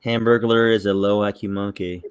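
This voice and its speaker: A man's voice: fairly low pitch, level tone, a little fast, clean tone. A man co-hosting a livestream, speaking in blunt, goading remarks. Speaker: livestream co-host. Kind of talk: casual livestream banter.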